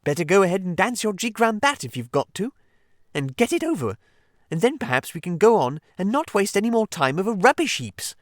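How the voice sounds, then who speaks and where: A man's voice: a little high, huge pitch swings, unhurried, long pauses, no echo, studio quality, pitched above the performer's own voice, heavily acted. A man voicing a fussy, pettish male mole who is stubborn and literal-minded, speaking in a prim, indignant way.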